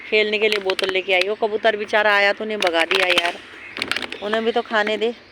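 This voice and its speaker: A woman filming her dogs outdoors in a park, talking to them in a high coaxing or scolding voice and explaining them calmly to her viewers. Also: brisk, heavy background noise. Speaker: dog owner vlogger. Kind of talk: casual narration to camera.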